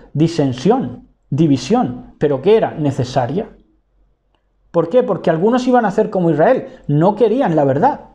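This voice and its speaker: Mellow-voiced man preaching a sermon. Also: on the high side. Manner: asks rhetorical questions and answers them himself; repeats and rephrases key words. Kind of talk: bible teaching sermon.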